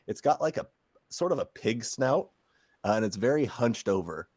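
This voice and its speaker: A man's voice: mid-range voice, very animated, moderate pace, darkish tone, breathy edge. A man running a tabletop game as game master, narrating scenes casually with hesitant fillers.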